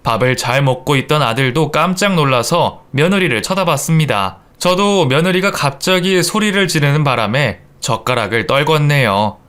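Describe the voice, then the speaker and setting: A man's voice: on the high side, lively intonation, normal speed, few pauses, a bit bright, clean tone. A man narrating a radio drama in a confiding storytelling tone.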